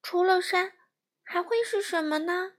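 A woman voicing a small silver fish, a brave and eager little male creature who talks in a high, excited voice. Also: unhurried. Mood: wondering.

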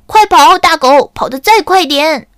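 A woman voicing a brave, excitable little chick who talks high and loud. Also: unhurried, no echo, studio quality. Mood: shouting.

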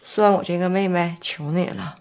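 A woman's voice: fairly low pitch, moderate pace, natural voice. An actress playing a heartbroken young village woman, drunk and tearful, pleading, in a TV drama with violin music behind. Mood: drunk sorrowful. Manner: tearful, pleading, slurred from drink. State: drunk and crying. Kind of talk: TV drama acting.

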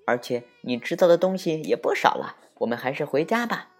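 A man's voice: a little high, very animated, fairly quick, pitched above the performer's own voice. A man voicing Zoff, a cheerful, bouncy young friend who comforts others with sing-song reassurance, in a children's story.

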